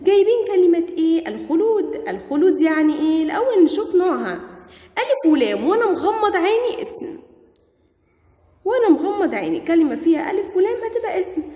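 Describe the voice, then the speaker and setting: Lively Egyptian woman teaching grammar. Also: extremely high pitch, quick pace. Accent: Egyptian Arabic. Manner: lively, questioning, praising pupils. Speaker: primary school Arabic teacher. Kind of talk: classroom grammar lesson. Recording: echoey room with long reverb.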